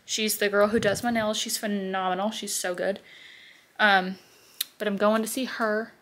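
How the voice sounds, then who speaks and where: A young woman chatting straight to her camera in her bedroom, loose and rambling, full of "like" and "um". She sounds relaxed and conversational, as if filming herself on a phone or desk camera. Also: medium pitch, normal speed. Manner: chatty, rambling, heavy use of "like" and "um". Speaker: beauty vlogger. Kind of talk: casual vlog chat. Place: bedroom with vanity mirror, indoors. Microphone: camera on a desk or handheld at arm's length.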